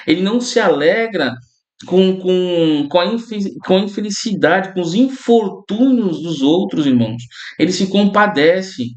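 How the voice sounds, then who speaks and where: Echoey high-voiced preaching pastor. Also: male voice, expressive, measured pace, lo-fi sound. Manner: conversational preaching, often addresses listeners as brothers and tags lines with "né?". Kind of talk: sermon.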